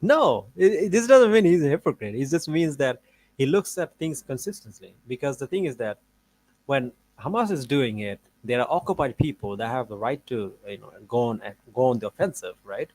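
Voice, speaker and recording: A man's voice: medium pitch, lively intonation, normal speed, darkish tone, rough recording. Guy reacting to a debate clip, casual and argumentative, rambly with lots of fillers. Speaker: debate reviewer.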